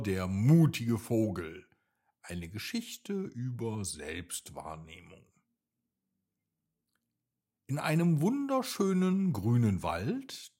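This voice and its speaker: A man narrating a children's bedtime story in a slow, gently expressive reading style. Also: mid-range voice, breathy edge.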